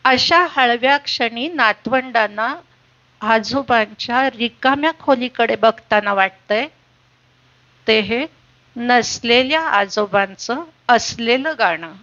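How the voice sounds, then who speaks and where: A woman narrating a reflective literary reading in a measured way. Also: a little high, pushed and bright, lo-fi sound. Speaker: reader at a literary stage program.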